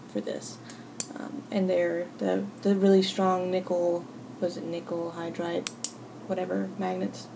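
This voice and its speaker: A woman hosting a casual, unscripted craft tutorial, talking informally and haltingly as she thinks aloud. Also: fairly low pitch, gravelly. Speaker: hobby video host. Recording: noisy home recording.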